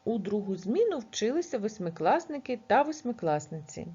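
A woman teacher reads a grammar lesson with a husky, darkish voice that rises and falls a lot. She goes slowly and clearly over each example sentence. The recording sounds dull and lo-fi. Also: on the high side, very animated, dark tone. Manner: slow, measured dictation of example sentences. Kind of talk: reading a grammar lesson aloud.

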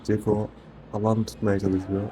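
A man's voice: fairly low pitch, level tone, normal speed, warm tone. A man hosting live football commentary, often repeating players' names and short phrases. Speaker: football commentator and channel host. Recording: music and crowd behind the voice.

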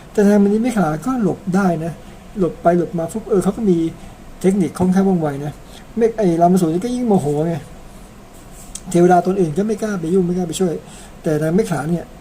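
Mellow-voiced man telling a story casually. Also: sits high, slight background noise. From Thailand. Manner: chatty, tags sentences with polite particles, personal asides.

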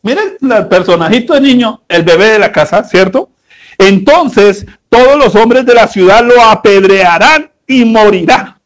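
A pastor with a high-pitched man's voice preaches with lively energy. He keeps firing rhetorical questions at the congregation and mocks the characters in his stories, speeding up and slowing down as he drives each point home. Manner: animated, rhetorical questions, sudden shifts in pace; mocking, acts out the people in his stories. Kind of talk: sermon.

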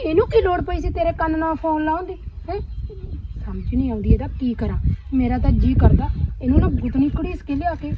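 A woman's voice: sits high, lightly acted. A woman with a Punjabi accent in a village drama, talking bluntly and scolding a cousin. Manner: blunt, scolding, rapid-fire advice. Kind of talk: Punjabi short film drama acting. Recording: distant, dull, noisy outdoor sound.

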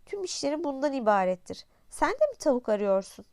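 A woman voicing a calm, wise fox who explains things patiently and matter-of-factly. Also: high voice, fairly quick, no echo, studio quality. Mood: explaining. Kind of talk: audiobook character voice.

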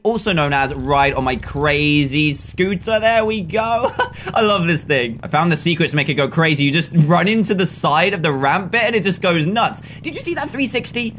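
A young English man rattles through gameplay commentary with bright, bouncy excitement, breaking into laughs and exclamations. His voice sits a touch high for a man, close to a desk mic in a small room. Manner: upbeat, exclamatory, laughs often. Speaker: gaming video host. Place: small room, webcam corner.

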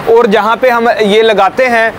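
A young male safety trainer with a higher, steady voice explains patiently and a little slowly during a hands-on demonstration, checking understanding with "ठीक है" and "समझ आई है?". He's outdoors beside a building with a small group of trainees, recorded by a camera a few meters away amid light street noise.

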